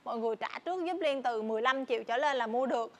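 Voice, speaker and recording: A young woman with a southern Vietnamese accent giving a casual, chatty sales walkthrough, often pausing and repeating words. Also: a little high. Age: young adult. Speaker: motorbike shop saleswoman presenting stock. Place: large tin-walled motorbike warehouse. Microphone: clip-on lapel mic.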